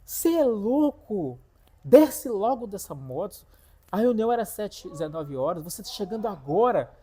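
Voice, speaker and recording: A man's voice: sits high, sing-song, normal speed, breathy edge, voice pushed up, exaggerated voice. A man voicing an angry young woman who scolds her boyfriend for being late. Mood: angry, scolding. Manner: scolding, sharp.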